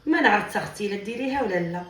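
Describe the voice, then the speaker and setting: A woman's voice: medium pitch, animated, racing. A woman demonstrating a recipe in her home kitchen, chatty and affectionate, calling her viewers sisters as she cooks. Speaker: cooking vlogger. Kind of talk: cooking demonstration vlog. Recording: echoey room, mic at a distance.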